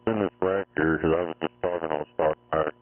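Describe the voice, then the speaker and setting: A man's voice: rumbling low, brisk. Casual swearing man on the road, voice bitcrushed and crunchy, through a muffled static-heavy radio. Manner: loose, swearing, excitable. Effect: crunchy bitcrushed distorted audio.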